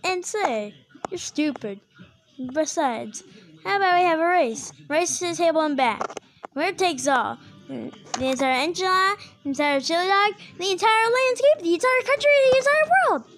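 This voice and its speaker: A woman acts out a brash young male hedgehog hero from a cartoon fan dub, pitched extremely high. The delivery is slow and overacted, theatrical and full of taunting. Music plays clearly behind the voice. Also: lively intonation. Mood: taunting, boastful.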